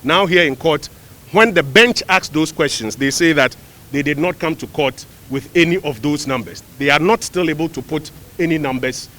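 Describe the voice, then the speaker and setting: A man's voice: a little high, moderate pace, sharp tone, a little hiss or hum. A man with a Ghanaian accent making press remarks on a court case in a pointed, rhetorical way, repeating phrases for effect.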